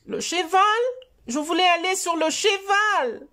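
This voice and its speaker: Storybook kid penguin, very high and bouncy, eager and a little whiny, played by a woman. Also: unhurried, heavily acted. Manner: high childlike voice, excited and pleading.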